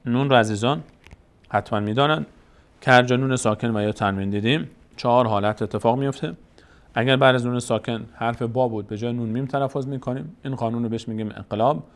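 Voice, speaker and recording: A man teaching Quran recitation rules step by step, explaining each rule and then slowly chanting the verses to show it. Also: mid-range voice. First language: Tajik.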